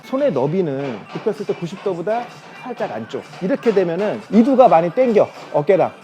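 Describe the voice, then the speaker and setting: A man's voice: high-pitched, big pitch swings, fairly quick, mellow, faint music behind. A man working as a fitness coach, explaining gym machines in a casual, chatty way while demonstrating.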